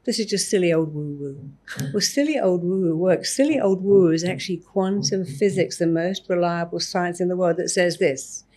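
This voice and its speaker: Woman, therapist guest, podcast interview, animated, acts out self-talk, somewhat low voice. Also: normal speed.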